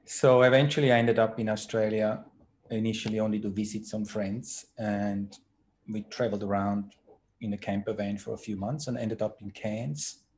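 A man speaks in a fairly low voice, unhurried and a little hesitant as he tells his story. He talks over a video call with a faint hum behind him. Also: steady tone, darkish tone. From Switzerland. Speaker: podcast guest. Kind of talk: casual interview chat.

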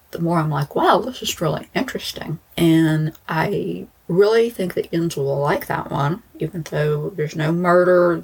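A woman's voice: sits low, gravelly, slightly rough. A woman podcast host giving a casual solo update to listeners, in a rambling, informal way. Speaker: true crime podcast host.

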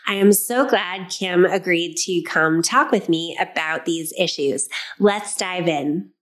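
A woman hosting a health podcast, delivering a prepared introduction and welcoming questions in a presenter's style. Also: fairly low pitch. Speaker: podcast host, dietitian.

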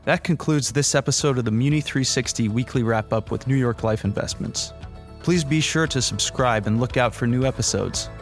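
A man's voice: mid-range voice, moderate pace, faint music behind. A man delivering scripted financial commentary as a podcast host.

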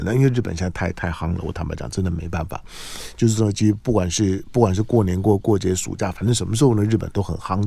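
A man's voice: on the low side, vocal fry, dark tone, dry recording. A man with a Taiwanese Mandarin accent hosting a casual morning radio show, often repeating and restarting his phrases. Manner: repeats and restarts phrases, punctuates with filler particles. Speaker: radio host.

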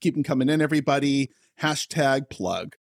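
A man's voice: medium pitch, expressive, normal speed, gravelly, no room sound. A man co-hosting a podcast in casual comedic chat, playful and teasing, on a studio microphone. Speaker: podcast co-host.

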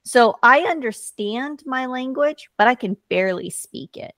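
A woman's voice: high voice, expressive, measured pace, fairly bright tone, no echo, clean studio sound. An American woman in her forties, a podcast guest, telling her story earnestly and often checking in with "right?". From United States. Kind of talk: casual interview talk.

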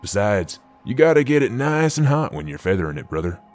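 A gravelly, raspy drifter with an eccentric, offhand drawl, as a storyteller puts him on. The voice sits very low and swoops widely in pitch, with faint music playing underneath. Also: male voice, sing-song, a little fast, darkish tone.

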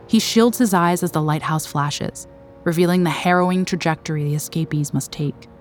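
Female documentary narrator, low register, measured dramatic read, faint score underneath. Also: a little mellow. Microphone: studio voice-over.

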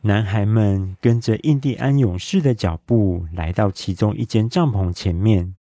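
Man, bedtime story narration, soothing and even, low mellow voice, dry close sound. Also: a little slow, no echo. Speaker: storyteller, dad.

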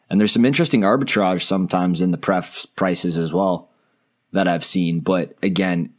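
A podcast co-host chats about stocks in a relaxed, upbeat way, tossing in jokes and quick asides. His voice sits very low, among the deepest of men's voices. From Canada. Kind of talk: casual podcast chat.

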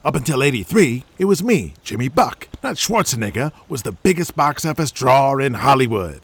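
A man's voice: mid-range voice, big pitch swings, moderate pace, breathy edge, no echo, voice pushed up. A man voicing a brash, boastful washed-up male movie star with a swaggering wiseguy manner.

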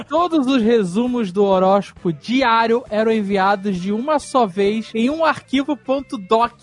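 A Brazilian man with a high voice reads listener letters aloud at an unhurried pace. Between the letters he chats casually and laughs easily. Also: animated. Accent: Brazilian Portuguese. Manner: reads slowly and deliberately, laughs often. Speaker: podcast co-host reading listener emails.

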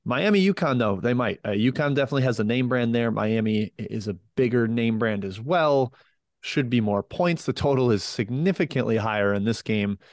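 A man's voice: mid-range voice, expressive, a little fast, no echo, studio quality. A man hosting a sports betting panel chat, talking casually and passing questions to colleagues. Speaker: podcast host.

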